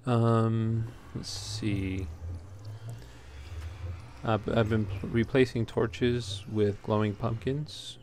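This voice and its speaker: A let's play host gives casual, unscripted gameplay commentary in an easygoing, hesitant ramble. His voice is low-ish and a little mellow, steady and slow with long pauses, in a clearly noisy home recording.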